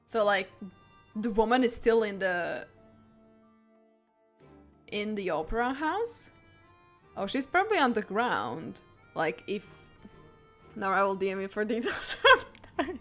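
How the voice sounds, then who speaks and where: A woman's voice: mid-range voice, big pitch swings, unhurried, long pauses, a bit bright, soft background music. A woman streaming a game, chatting casually and joking with frequent giggles.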